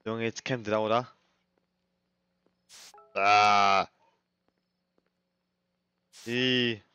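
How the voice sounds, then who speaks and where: A man's voice: fairly low pitch, fairly even intonation, normal speed, a bit bright, dry recording. A young man doing nervous, swearing let's play commentary in street slang, reading game text aloud as he plays. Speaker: gaming streamer. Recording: dull lo-fi mic, dry.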